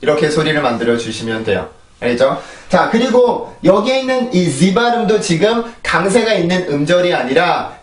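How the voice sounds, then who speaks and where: A man's voice: a little high, far from the mic. A man teaching English pronunciation, explaining patiently and repeating model words several times over. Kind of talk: pronunciation lesson. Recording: echoey room, voice a bit off-mic.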